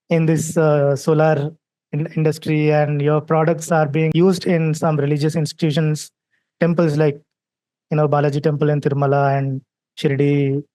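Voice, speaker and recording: Flat, mellow-voiced host. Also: male voice, fairly high pitch, no echo. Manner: measured, slightly hesitant questioning with fillers. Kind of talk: interview questions.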